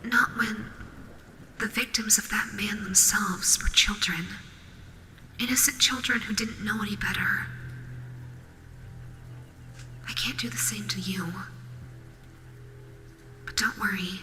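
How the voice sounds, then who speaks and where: Woman as slow, halting tsundere nightmare rabbit, Nightmare Bonnie. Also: medium pitch, fairly even intonation, soft background music. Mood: hushed, protective. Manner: hesitant, halting, flustered tsundere softness. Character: tsundere female nightmare animatronic rabbit, gruff but protective. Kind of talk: soothing roleplay audio drama, intimate ASMR.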